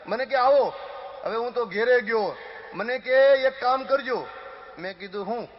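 A very high-voiced male stand-up comedian from Gujarat, India tells folk comedy stories live, acting out quoted villagers and his wife in quick dialogue. The live hall recording sounds dull with a long echo, and the audience laughs in the background.

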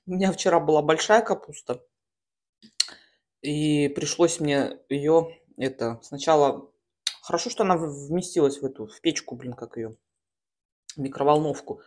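A woman in her thirties chats casually and slangily while eating in a mukbang, chewing and smacking, with pauses between bites. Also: low voice, darkish tone. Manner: colloquial, slangy. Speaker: mukbang host. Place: small room at home, at a table.

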